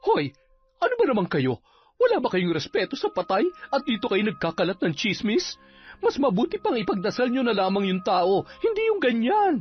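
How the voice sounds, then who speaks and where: A man's voice: extremely high pitch, huge pitch swings, normal speed, voice pushed up, full character voice. A man voicing a scheming, two-faced middle-aged woman village captain who is sugary in public and sneering in private, in a horror radio drama. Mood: scolding. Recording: slightly dull recording with music underneath.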